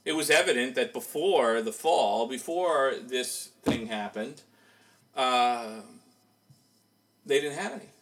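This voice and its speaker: A man's voice: medium pitch, slow pace, noisy background. A man preaching a sermon in a conversational way, asking rhetorical questions as he goes.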